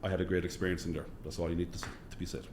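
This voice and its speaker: Speaking in a level tone, a man from Cork with a local Irish accent responds to an interviewer as a hospital CEO. He is middle-aged, his voice sits low and a bit mellow, and he measures his words, repeating phrases for emphasis over faint background noise.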